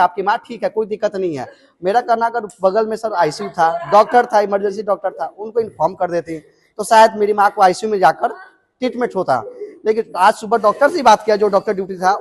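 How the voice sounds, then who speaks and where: A man from Chhattisgarh, India, earnestly recounting a complaint in halting speech to a reporter. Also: sits high. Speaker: patient's son. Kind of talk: interview testimony.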